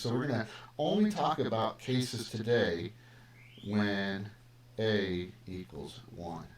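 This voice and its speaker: A middle-aged man, a math teacher, talking casually and playfully through a live-streamed lesson in a classroom, with lots of fillers and asides. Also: mid-range voice. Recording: roomy live stream with faint noise.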